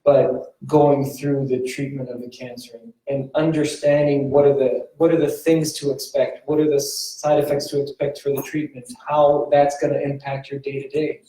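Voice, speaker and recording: Recorded from a distant mic in a reverberant hall, this male palliative care doctor gives a sincere panel answer, repeating words while hunting for the right ones. His medium voice is mellow with little pitch movement, normal speed and hardly any pauses.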